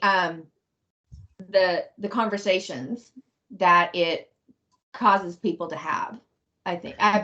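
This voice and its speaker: A woman's voice: mid-range voice, fairly bright tone. A woman author from Texas, talking reflectively about her book and thinking aloud with many restarts. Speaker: guest author. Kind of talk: casual discussion on a video call. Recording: muffled lo-fi call audio.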